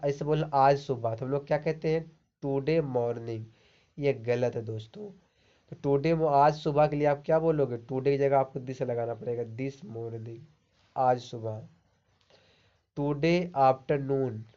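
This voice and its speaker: Slow, low-key man teaching grammar. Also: mellow, dull audio. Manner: explains slowly, reads example sentences aloud, keeps asking "ठीक है?". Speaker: English teacher. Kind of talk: Hindi English grammar lesson.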